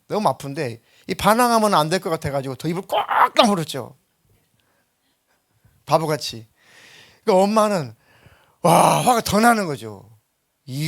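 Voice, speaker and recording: A middle-aged man preaching a sermon as pastor, telling stories and acting out the quoted voices. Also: a bit bright. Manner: storytelling, acting out quotes with sudden high-pitched bursts.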